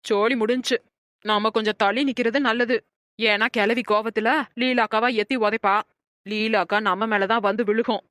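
A woman voicing a gossipy neighbour woman in a cartoon, talking in a hushed aside. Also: on the high side, steady tone, normal speed, no room sound, natural voice. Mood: gossiping.

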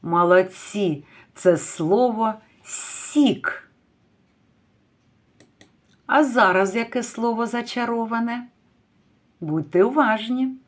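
A woman teaching a kindergarten class, reading words out one by one and praising the children gently. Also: a little high. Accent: Ukrainian. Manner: drawn-out word-by-word dictation with gentle praise. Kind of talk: slow, deliberate lesson for young children.

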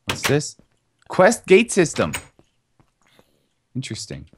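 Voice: medium pitch, very animated, moderate pace, slight background noise. A player chatting casually during a co-op video game, giggling and teasing a friend. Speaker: let's play gamer. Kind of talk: casual co-op gameplay chat.

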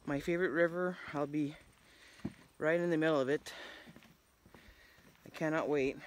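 A middle-aged woman chatting casually on a nature trail, rambling with lots of fillers, recorded on a phone held at arm's length outdoors. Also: sits low. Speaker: hiking vlogger. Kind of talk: casual chat.

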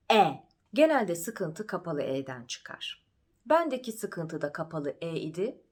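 Slow, careful woman diction teacher. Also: medium pitch. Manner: demonstrates words slowly and carefully. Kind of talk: diction lesson.

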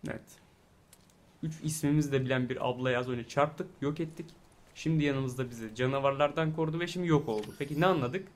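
A man giving casual let's play commentary, chatty, talking to the game and breaking into excited exclamations. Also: medium pitch, fast talker. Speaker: gaming YouTuber. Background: soft game music.

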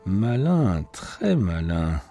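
A man reading as a quiet genius detective. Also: fairly high pitch, huge pitch swings, moderate pace, dry recording, soft background music, voice pushed up. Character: genius male detective, calm, sharp-minded.

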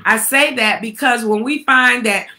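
Woman preacher, bright higher voice, call-and-response sermon delivery with repeated lines. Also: a little slow. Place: livestream to online viewers.

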